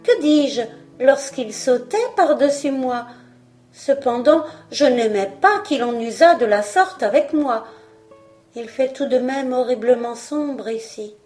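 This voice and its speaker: A woman's voice: sits high, slow, a little mellow, soft background music, voice pushed up. A woman voicing a proud young fir tree who muses wistfully about his past. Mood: musing. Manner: wistful, self-assured musing.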